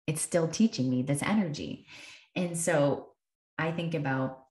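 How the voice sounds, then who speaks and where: A woman's voice: deep voice, unhurried, darkish tone. A woman hosting a podcast, telling a personal story in an earnest, reflective way and repeating phrases for emphasis. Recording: echoey room.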